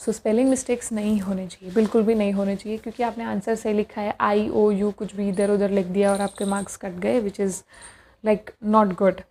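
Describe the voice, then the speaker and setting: A young woman giving casual spoken study advice to her viewers, pausing often to gather her thoughts. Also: medium pitch, little pitch movement, mellow. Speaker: test-prep tips vlogger.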